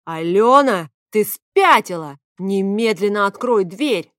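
A woman reading aloud, voicing a hot-tempered man who yells threats through a locked door, in a dry close recording. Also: sits high, a little slow, dry recording. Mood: furious shouting. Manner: yelling, threatening demands.

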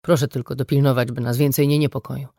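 Brief: narrator doing a bereaved son, flat and empty-sounding, dry close read. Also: male voice, mid-range voice, fast, gravelly, no room sound, voice pushed down, close to an everyday voice. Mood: hollow. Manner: dull, emotionless delivery. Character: grieving adult son, hollow and flat.

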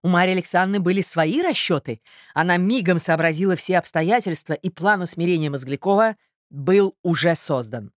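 A woman narrating a classic novel aloud in a measured, expressive way. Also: lowish voice, no echo, studio quality. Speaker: audiobook narrator. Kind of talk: literary audiobook narration.

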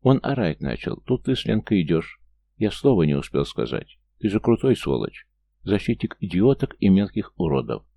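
A man's voice: low-pitched, big pitch swings, moderate pace, vocal fry, mellow, heavily acted. A man voicing a bitter, resentful teenage boy cadet in a story reading, sullen and muffled.

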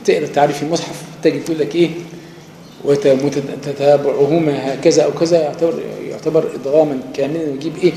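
A man's voice: on the high side, little pitch movement, rapid-fire, warm tone. A man with an Egyptian accent, giving a colloquial lecture on Quran recitation that uses everyday examples and demonstrated sounds. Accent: Egyptian Arabic. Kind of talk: recorded lecture on tajweed. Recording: echoey hall with faint background hum.

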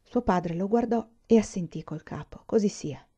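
Dark, mellow-voiced woman reading a novel. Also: medium pitch. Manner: measured, calm narration. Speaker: audiobook reader. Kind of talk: novel read aloud. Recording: dull lo-fi recording.

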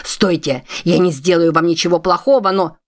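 Desperate bearded ex-soldier guy, urgent and pleading, low voice, woman reading him. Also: normal speed, lightly acted. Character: desperate bearded former Confederate soldier, man.

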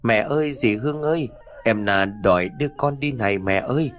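A man's voice: mid-range voice, moderate pace, fairly bright tone, soft background music, close to an everyday voice. A man voicing a frightened little girl in a horror story, speaking in a whimpering, tearful way. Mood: crying.

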